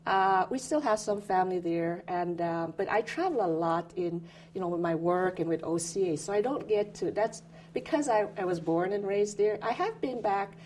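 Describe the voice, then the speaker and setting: A middle-aged Jamaican woman, a retired federal employee, talks as an interview guest in a casual chat, warm but halting, with frequent fillers and restarts. Her voice is mid-range, and there's a little hiss or hum in the recording.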